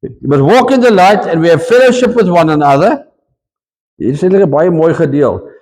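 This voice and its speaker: A man with a South African accent preaching a sermon as pastor, mixing English and Afrikaans in an animated, conversational way. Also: on the high side, fairly quick, long reverb tail, low-quality recording. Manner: switches between English and Afrikaans mid-sentence, animated. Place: church.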